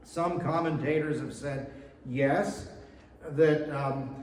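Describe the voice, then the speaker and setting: A man's voice: medium pitch, steady tone, takes it slowly, a little mellow. A male pastor giving a sermon in a church, reading scripture and adding casual, conversational asides. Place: church sanctuary. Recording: echoey church hall, mic from far off.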